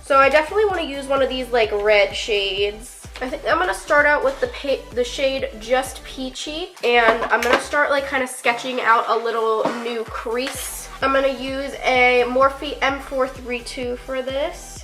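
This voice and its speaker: Over music, a young woman with a stuffy, cold-congested voice walks through a makeup tutorial as a beauty vlogger. Her high voice moves at a measured pace with hardly any pauses, chatty and full of fillers, with the occasional offhand curse.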